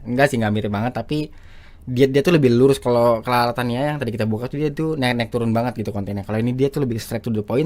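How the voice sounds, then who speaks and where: A man giving a casual lesson on speaking for short videos, chatty and full of fillers and restarts. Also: medium pitch. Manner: chatty, repeats himself, many fillers and restarts. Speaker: YouTube teacher of public speaking. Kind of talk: casual screen-share lesson.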